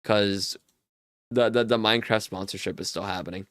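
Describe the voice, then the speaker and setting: A young man gaming in Minecraft on stream recounts a long story casually, rambling with many fillers and an exasperated laugh. His voice is on the low side, steady, and a bit bright, at a moderate pace. There's no echo, and the sound is clean studio quality.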